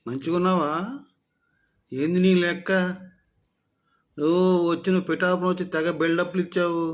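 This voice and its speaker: Man, fairly high voice, scolding political rant; sarcastic, mocking delivery. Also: steady tone, normal speed. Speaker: political commentator. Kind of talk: political rant addressed to a rival.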